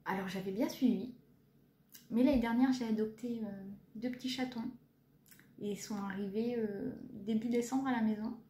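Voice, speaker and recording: A woman's voice: on the high side, normal speed, dark tone. A woman in her thirties from France, chatting casually with lots of fillers as she shows her cross-stitch projects. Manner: chatty, hesitant, many fillers, self-deprecating. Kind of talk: casual show-and-tell chat. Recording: echoey room, faint background noise.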